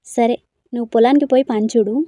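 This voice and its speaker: A woman's voice: on the high side, steady tone, a little fast, mellow, dry recording, studio quality, natural voice. A woman reading a storybook, voicing an affectionate elderly grandfather who asks fond questions.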